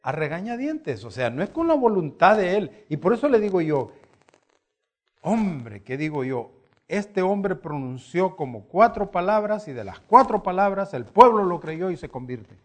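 Animated male preacher, higher voice. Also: measured pace. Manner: animated storytelling with acted quotes. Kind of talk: sermon.

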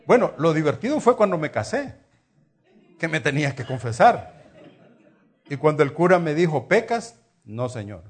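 Here the middle-aged preacher sounds a little high and sing-song, moving at a moderate pace with frequent pauses. His sermon stays conversational, built on rhetorical questions and repeated phrases, in a Salvadoran Spanish accent.

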